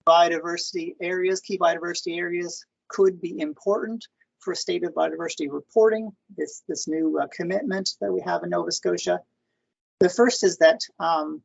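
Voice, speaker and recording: A man's voice: a little high, creaky. A man giving an online information session presentation, hesitant with many fillers and restarts. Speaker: government conservation presenter. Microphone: computer mic on video call. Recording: muffled lo-fi video call audio.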